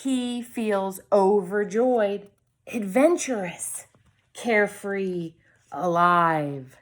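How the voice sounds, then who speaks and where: Her medium-pitched voice carries a storybook for children, read expressively with intentional dramatic pauses and quick comments aimed at her viewers.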